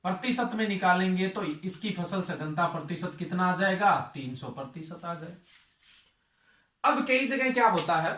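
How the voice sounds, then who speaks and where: A man's voice: high voice, animated, unhurried, a bit bright, roomy sound, distant mic. A male agriculture tutor giving a lecture. He asks his students questions and then answers them himself.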